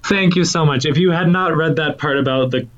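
A man co-hosting a podcast in casual chat, excitable, laughing often and swearing now and then. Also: on the high side, brisk, lo-fi sound, slight background noise. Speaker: podcast co-host.

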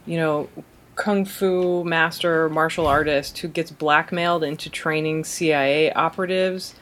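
Lady gushing about trashy cult movies, kinda low voice, laughs a lot. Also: steady tone, unhurried, a bit bright. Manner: enthusiastic, laughs while describing films. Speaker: podcast co-host. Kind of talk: casual chat about cult films.

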